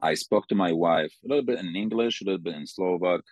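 A man in his forties with a Sudanese accent, answering interview questions in a halting, careful way and often repeating words. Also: sits low, no room sound. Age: 40s. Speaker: interview guest. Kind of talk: conversational interview.

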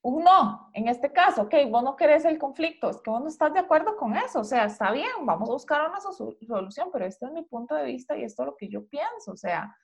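A woman's voice: sits high, expressive, brisk, vocal fry, hardly any pauses. A woman hosting a casual conversation, talking emphatically and reflectively, with many rhetorical questions. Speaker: host. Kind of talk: casual chat.

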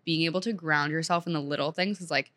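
Chatty young woman with a low voice. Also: fast talker, bright, forceful tone. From Senegal. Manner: chatty, upbeat, heavy use of "like". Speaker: guest, content creator. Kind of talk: casual chat.

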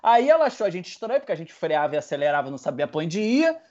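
A man's voice: high-pitched, fast. Man telling a story, lo-fi sound. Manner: animated, acts out voices in his story. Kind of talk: casual storytelling among friends. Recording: dull lo-fi sound.

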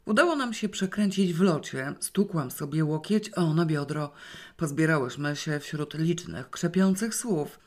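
A woman reading a first-person novel aloud in a wry, lively storytelling manner. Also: low-pitched, normal speed. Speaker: audiobook reader. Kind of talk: first-person literary narration.

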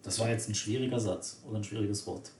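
Lowish-voiced Spanish man chatting. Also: fairly even intonation, quick pace, darkish tone, echoey room. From Spain. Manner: chatty, hesitant with many fillers. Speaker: conversation partner. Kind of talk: casual chat.

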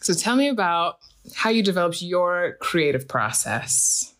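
A woman's voice: lowish voice, big pitch swings, unhurried, a bit bright. A woman interviewing her partner in a casual chat, teasing and playful.

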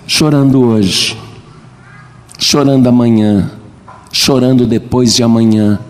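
A man from Brazil preaching a sermon as pastor, questioning his congregation directly and building to emphatic shouts. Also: mid-range voice. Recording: long church reverb.

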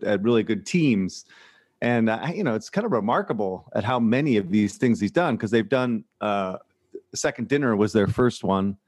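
A man's voice: medium pitch, a little mellow, breathy edge. A man co-hosting a show, giving blunt, slangy casual commentary. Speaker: podcast co-host.

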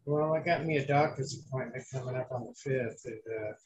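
A man talks casually in a gravelly, scratchy voice that sounds sore in the throat. His pitch sits in the middle. He explains things in a plain, matter-of-fact way. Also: a little fast, highs cut off, crowd noise. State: bruised, inflamed throat after surgery. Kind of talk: casual chat.

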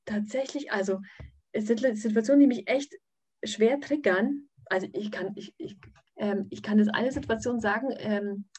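A woman's voice: mid-range voice, moderate pace, a little mellow, slightly rough. A woman who took a course tells a personal story in a casual way, with frequent hesitations, fillers and restarts. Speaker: course participant.

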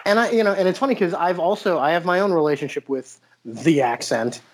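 An American podcast host and playwright tells stories animatedly in a casual interview, peppering them with lots of "you know." His voice is fairly high and his pace brisk.

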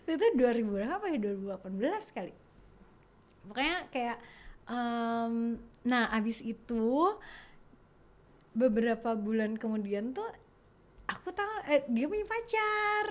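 A woman's voice: on the high side, moderate pace. A woman in her thirties chatting casually, telling a personal story with acted-out dialogue and bits of English. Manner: animated, acts out dialogue, mixes in English. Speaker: guest.

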